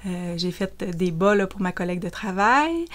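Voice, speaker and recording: A woman's voice: on the low side, expressive, normal speed. A woman with a Quebec French accent, casually chatting through a knitting vlog with frequent fillers. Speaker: knitting vlogger. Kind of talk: casual show-and-tell chat.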